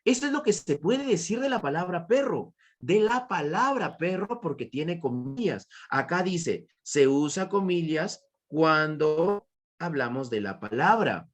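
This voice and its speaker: A man's voice: fairly high pitch, sing-song, measured pace. A man teaching an online class with a Peruvian Spanish accent, repeating his points and asking students questions. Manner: repetitive, questioning students, praising answers.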